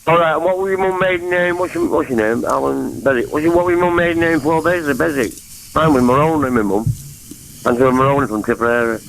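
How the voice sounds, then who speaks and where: This caller, an Englishman with a Mancunian accent, speaks fast in a fairly high, gravelly, slightly bright voice. He rambles and leaps from subject to subject on the phone-in, and the low-quality recording has slight background noise.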